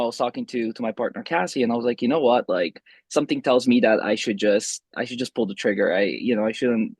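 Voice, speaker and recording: A man's voice: medium pitch, darkish tone, slightly rough, no room sound. A man in his twenties from Romania, chatting as a podcast guest and rambling with many restarts and fillers. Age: 20s. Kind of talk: casual interview chat.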